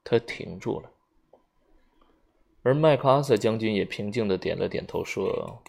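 A man narrating an audiobook in a measured, even storytelling manner. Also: fairly low pitch, vocal fry.

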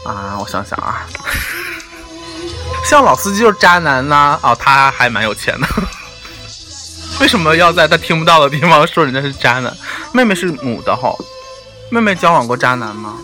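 Animated, teasing talk show host over music. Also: medium pitch, moderate pace, pauses often. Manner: playful, teasing, exclamatory. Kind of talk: casual comedic chat.

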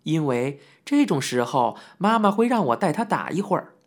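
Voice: medium pitch, big pitch swings, normal speed. An audiobook narrator telling a first-person memoir in a reminiscing storytelling manner, with occasional asides to the listener.

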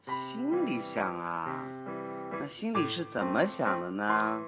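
A man's voice: lowish voice, huge pitch swings, takes it slowly, exaggerated voice. A man playing a doting father who coaxes his small child with fond questions in a scripted radio skit. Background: loud music.

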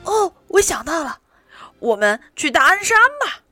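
Woman doing a squeaky bossy big-brother anteater, yelling a lot, storybook vibe. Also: sing-song, moderate pace, soft background music, exaggerated voice. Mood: boastful. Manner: shouting, scolding, panicky. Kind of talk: children's storybook reading.

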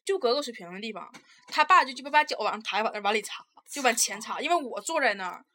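A woman's voice: on the high side, expressive, fast talker, bright, forceful tone. A woman, ranting profanely in a casual chat about a bad trip.

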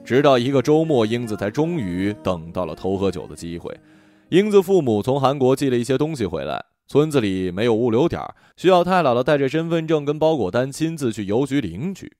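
A male storyteller reading in a gentle, scripted narration. His mid-range voice rises and falls expressively through the text. Soft music plays quietly underneath. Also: medium pitch, very animated, brisk, no echo.

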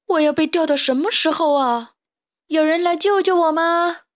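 A woman's voice: a little high, animated, moderate pace, no room sound, highs cut off. A woman storyteller voicing a timid little boy chick who sounds frightened and pleading.

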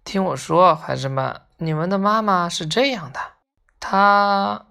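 A woman voicing a vain little storybook bear with a shrill, fussy voice. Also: a little slow, gravelly, sharp tone, exaggerated voice.

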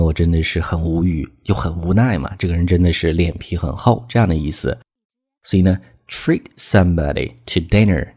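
A man teaching English vocabulary, explaining each phrase patiently and reading example sentences slowly twice. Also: sits low, warm tone.

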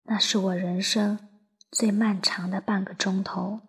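Woman narrator, emotional first-person story; husky, gravelly tone, unhurried reading over soft music. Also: mid-range voice, flat delivery. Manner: soft, breathy, half-whispered delivery.

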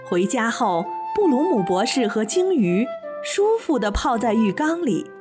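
Lively woman reading a children's story. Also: fairly high pitch, measured pace. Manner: animated and expressive. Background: children's music.

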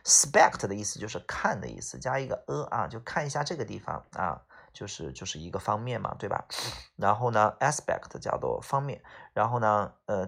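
A man teaches English vocabulary for an exam, stopping to repeat each word slowly. His voice has a gravelly edge and a husky, slightly rough texture. He often closes points with a quick check-in tag. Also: on the low side, a bit bright. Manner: explains in Chinese, repeats English words slowly, frequent "OK啊" tags.

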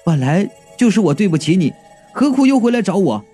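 A man doing a hoarse teenage ghost boy, voice breaking. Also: high-pitched, very animated, brisk, mellow, faint music behind, heavily acted. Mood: guilty, sorrowful.

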